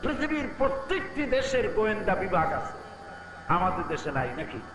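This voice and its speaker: High-voiced preacher, echoey and noisy. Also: male voice, big pitch swings, normal speed. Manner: rhetorical questions to the crowd, chants Quran verses. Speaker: Islamic preacher. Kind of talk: Bengali waz sermon.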